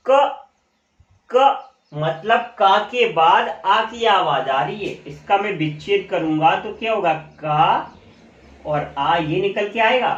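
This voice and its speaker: A male teacher giving a classroom lesson, asking questions and answering them himself, and repeating key terms slowly. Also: high voice, fairly bright tone. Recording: echoey room, dull lo-fi sound.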